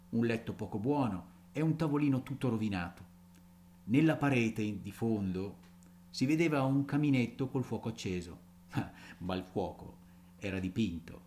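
A man reading a classic storybook aloud in an expressive way, with small ad-libs and chuckles. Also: medium pitch, normal speed, a little hiss or hum. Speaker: audiobook reader.

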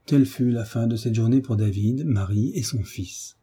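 A man narrating a classic novel as an audiobook, in a steady, measured way. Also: medium pitch, slightly rough.

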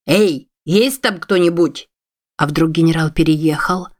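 A woman's voice: deep voice, normal speed. A woman voicing a desperate, bearded former soldier who talks in an urgent, pleading, breathless way.

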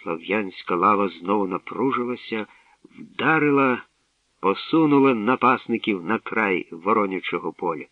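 A man narrating a novel in a steady, measured reading. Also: lowish voice, no room sound. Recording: tinny lo-fi radio recording, distant.

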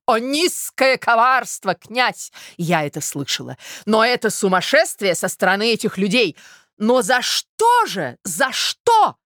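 Melodramatic scheming mother, gushing exclamations, high ringing voice, dry sound, voiced by a woman. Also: a bit bright, dry recording, exaggerated voice. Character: scheming, melodramatic provincial mother, middle-aged.

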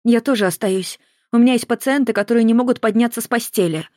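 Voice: mid-range voice, fast talker, darkish tone, dry recording, clean studio sound, voice pushed up, natural voice. A reader voicing a brave woman nurse among prisoners who speaks urgently and resolutely, in an audiobook.

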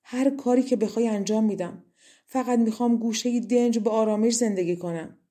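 A woman's voice: fairly high pitch, warm tone, natural voice. A woman voicing a sad, helpless young princess who pleads in despair.

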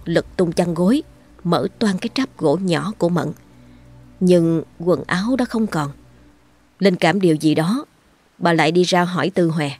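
Husky woman narrating a storybook. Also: lowish voice, a little mellow, dry recording. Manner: measured, descriptive. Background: faint background music.

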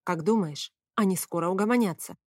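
A woman reading aloud, voicing a calm young man who asks thoughtful questions, in a dry close recording. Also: high-pitched, brisk, no echo. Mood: curious.

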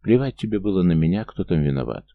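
A man's voice: sits low, sing-song, quick pace, vocal fry, full character voice. A man voicing a bitter, resentful teenage boy cadet in a story reading, sullen and muffled.

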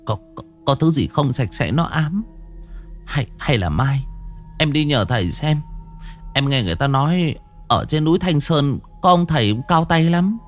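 A man's voice: sits high, slow, mellow, soft background music, voice pushed up. A man voicing a terrified young village wife who stammers in breathless panic. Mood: fearful.

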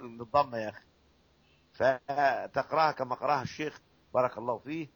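A sheikh with an Egyptian Arabic accent explains a classical recitation text to students, drilling sounds syllable by syllable and quizzing his listeners. His voice is a little high, a bit bright, and breathy-edged, and the audio is dull with no room sound.

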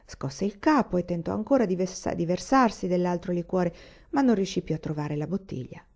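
A woman reading a novel aloud in calm, measured narration. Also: fairly low pitch. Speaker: reader. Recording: slightly dull, lo-fi recording.

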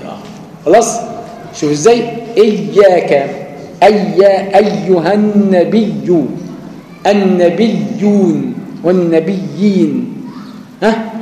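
Egyptian male teacher, higher-pitched, warm tone, casual lecture recorded in a reverberant hall. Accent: Egyptian Arabic. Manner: colloquial, explains with everyday examples and demonstrates sounds. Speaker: Quran recitation teacher. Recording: echoey hall with faint background hum.

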